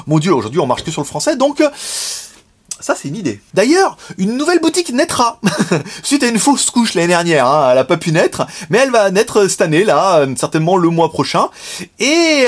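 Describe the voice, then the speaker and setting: Brief: male vlogger, high and very animated voice, frank slangy chat to camera, quick chuckles. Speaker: vlogger and shop owner. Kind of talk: casual to-camera update. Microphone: camera facing speaker.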